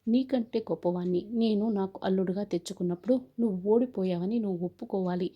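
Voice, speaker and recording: A woman's voice: medium pitch, fast, husky, lo-fi sound, lightly acted. A woman reading the lines of a proud, angry father of the bride, in a stern and threatening way.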